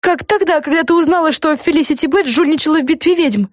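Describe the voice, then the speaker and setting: A woman narrator voicing an excitable young girl fan who gushes and chatters. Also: high-pitched, fast, dry recording, clean studio sound, pitched above the performer's own voice, natural voice. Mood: eager. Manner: gushing, chattering.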